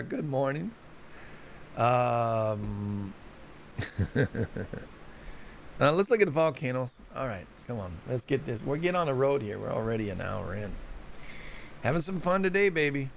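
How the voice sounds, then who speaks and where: A man's voice: medium pitch, gravelly, a bit bright, a little hiss or hum. A man hosting a casual solo news report on volcanoes, rambling and chatty, often stumbling over place names. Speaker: show host.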